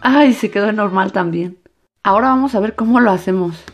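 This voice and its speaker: Lady doing a kids craft vlog, chatty n excited, average pitch, bit of music behind her. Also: fairly quick. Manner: excited, chatty, addressing young viewers. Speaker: host of a children's slime channel. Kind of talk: casual craft vlog, explaining as she goes.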